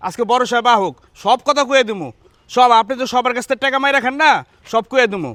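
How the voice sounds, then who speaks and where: A man's voice: on the high side, fairly quick, a bit bright, dry recording, close to an everyday voice. A man playing an aggrieved poor laborer. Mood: defiant. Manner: pleading, then defiant and threatening. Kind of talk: short-film drama acting.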